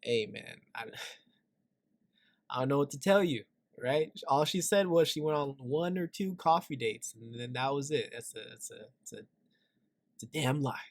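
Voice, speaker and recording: A man riffing on a clip he is reacting to, in a middle-pitched voice that sits right up at the mic with no room around it. He jokes and confides, tossing "right?" at his listeners as he goes. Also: animated, normal speed, dry recording. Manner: joking, confiding asides, frequent "right?". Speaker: reaction video host. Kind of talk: casual reaction commentary.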